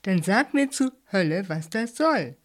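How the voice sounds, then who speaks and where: A woman's voice: mid-range voice, big pitch swings, measured pace. Woman reading as a blunt skeptical journalist. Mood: exasperated. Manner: mocking, exasperated.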